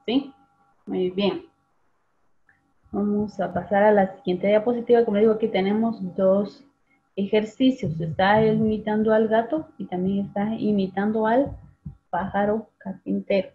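A woman's voice: medium pitch, steady tone, faint music behind. Woman teacher on a tinny call. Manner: patient, calls on students by name and repeats sounds slowly. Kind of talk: online class for students. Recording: tinny phone-like video call audio.

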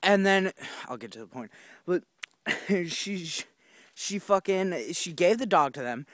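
Here the young man's voice is high-pitched, animated and a bit bright, and he takes his time. He's a vlogger on a wooded trail, filming himself on a handheld phone as he tells a rambling, profane story with many fillers and restarts. The recording is dry, with clean studio sound.

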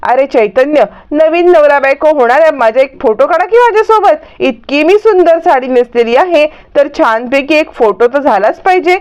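A woman's voice: sits high, animated, normal speed, hardly any pauses, a little mellow, dull audio. A woman voicing a bossy, cheerful elderly grandmother in a retold serial story.

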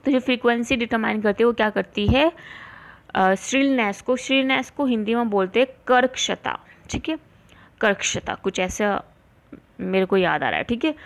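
Woman, science teacher, mid-range voice, question-and-answer lecturing, slow deliberate textbook reading. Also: mid-range voice. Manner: explains in Hindi mixed with English terms, asks and answers her own questions; reads textbook lines slowly and deliberately. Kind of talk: classroom lecture for students.

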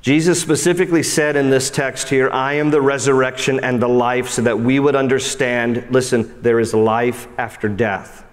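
A man preaching a sermon, animated, often dropping low and soft for emphasis and speaking straight to his listeners. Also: normal speed, few pauses, big-room sound. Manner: acts out quoted voices and speaks straight to listeners. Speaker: pastor.

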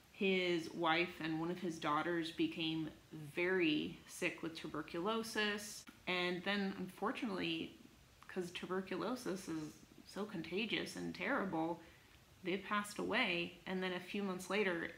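A young woman teaching music online, telling a story in a chatty, animated way with many fillers. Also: lowish voice. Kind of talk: casual online music lesson. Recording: echoey room with faint background hiss.

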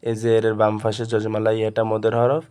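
A man's voice: lowish voice, completely flat delivery, fairly quick, dark tone, smooth. A man teaching Quran reading step by step, directing attention to the page and drilling letter spellings in a repetitive chant. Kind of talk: step-by-step lesson.

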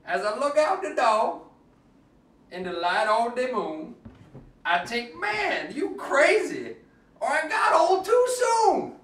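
With an extremely high pitch, big swings in pitch and a fairly bright tone, a man slowly reads a picture book aloud in Cajun dialect, making it theatrical, playful and exaggerated. He sounds distant from the mic in an echoey room.

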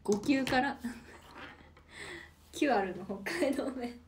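A woman's voice: sits high, slow pace, darkish tone, slight background noise. A young woman of about nineteen chatting casually on a livestream, reading out viewer comments and playfully teasing them back. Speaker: idol livestreamer.

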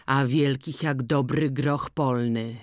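A woman voicing an old farmer who talks slowly and deliberately. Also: steady tone, darkish tone, no echo, studio quality. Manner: slow, measured, low-key.

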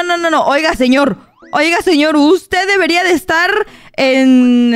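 Excitable high-voiced woman gaming. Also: dry recording. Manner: excitable, talks to viewers, shrieks when startled. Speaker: gaming YouTuber. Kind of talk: Roblox gameplay commentary.

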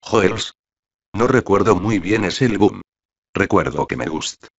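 A man reading the part of a shy, quiet man in a flat, even way, as in a read-aloud script. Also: low-pitched, a little slow, slightly rough, no echo, dull audio, full character voice.

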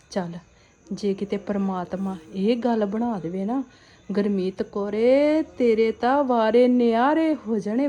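A woman's voice: on the high side, mellow, highs cut off, lightly acted. A woman playing a scheming, greedy middle-aged mother-in-law who chats with a Punjabi accent and mutters greedy asides. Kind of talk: comedy skit acting.

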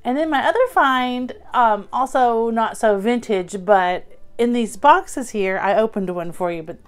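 A woman's voice: a little high, measured pace, smooth, soft background music. Chatty woman showing off thrift finds. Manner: chatty, upbeat, with fillers. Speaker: thrift haul vlogger. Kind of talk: casual haul show-and-tell. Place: indoors at a table.

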